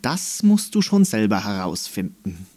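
A man voicing a grumpy, gruff male not-unicorn creature who grumbles curt replies in a storybook. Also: fairly low pitch, sing-song, a little slow, darkish tone.

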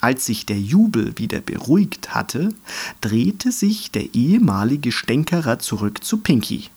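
A male narrator reading a children's story aloud. His husky voice moves slowly and rises and falls with wide, animated pitch. The telling stays expressive throughout.

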